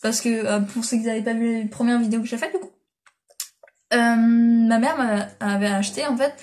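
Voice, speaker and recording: Young woman, casual vlog chat, slightly high voice, rambling, fillers and restarts, built-in mic. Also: fairly even intonation, moderate pace, a little mellow. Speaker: manga vlogger. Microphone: built-in device mic.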